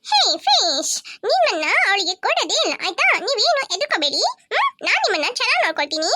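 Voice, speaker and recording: A possessive little cartoon girl with a piercingly high voice barks orders and complains. Noise runs under the soundtrack. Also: wildly swooping pitch, fast talker, full character voice. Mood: cooing. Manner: bossy, snappy. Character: possessive, bossy little girl guarding her fish.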